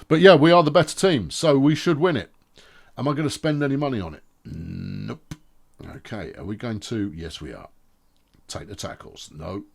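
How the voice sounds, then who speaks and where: A man gives dry, sarcastic commentary on a football management game. His voice has a gravelly edge and swings widely in pitch. A faint noise sits in the background. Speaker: gaming commentator. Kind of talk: casual gameplay commentary.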